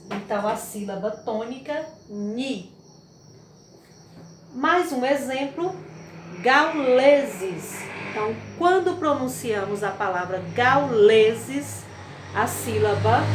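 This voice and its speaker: Slow, patient woman teacher. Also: on the high side, background noise. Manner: slow, patient, stresses syllables loudly. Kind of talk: children's lesson. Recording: echoey room, faint crickets.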